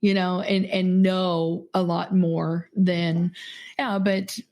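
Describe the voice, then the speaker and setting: A middle-aged woman, a company CEO appearing as a podcast guest, talks earnestly and warmly in a conversational interview. Her lowish voice holds a level tone and she takes it slowly, using many fillers and laughing easily.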